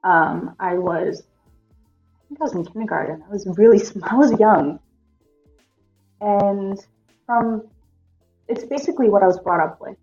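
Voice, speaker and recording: Mellow-voiced woman guest, muffled audio. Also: medium pitch, lively intonation, a little slow, pauses often, soft background music. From Greece, raised in Massachusetts. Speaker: podcast guest. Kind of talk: casual chat.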